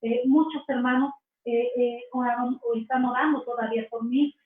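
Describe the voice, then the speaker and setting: A woman telling her faith testimony in an interview, earnest and slow, often restarting her phrases. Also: on the high side, steady tone, a little hiss or hum. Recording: echoey, distant, phone-like sound.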